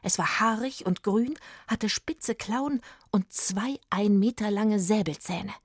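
A woman's voice: mid-range voice, slow pace, dry recording, clean studio sound. Woman reading a children's story. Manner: expressive, sometimes hushed.

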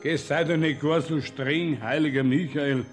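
An actor playing a meek, agreeable saint with a Bavarian accent in a radio play. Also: male voice, on the high side, fairly even intonation, unhurried, faint music behind, natural voice. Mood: soothing. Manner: soothing, agreeable.

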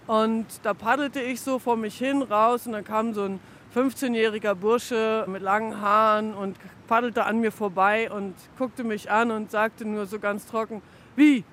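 A woman's voice: fairly high pitch, unhurried, hardly any pauses, slight background noise. An older woman being interviewed about surfing, telling stories with eager enthusiasm. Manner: enthusiastic, animated storyteller. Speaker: interviewee, late-starting surfer. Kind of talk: casual storytelling interview.

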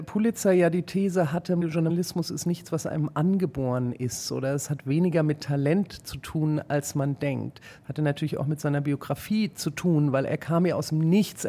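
A woman's voice: low-pitched, darkish tone. A woman who leads a journalism school talks through her answers in an easy, conversational manner. She explains patiently and drops in small fillers as she thinks. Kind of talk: interview answers.

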